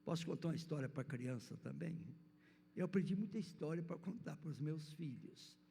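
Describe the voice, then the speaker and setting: A man's voice: fairly high pitch, normal speed, gravelly, dark tone. An older man with a Brazilian Portuguese accent, preaching and telling a children's story in a church hall in a rambling storyteller's manner. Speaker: church speaker. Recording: reverberant church hall, faint noise.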